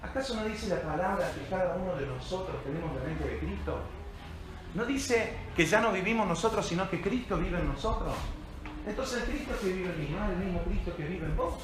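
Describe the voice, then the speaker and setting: A male pastor preaching a sermon in church, slowing down to stress key phrases. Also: sits high, lively intonation.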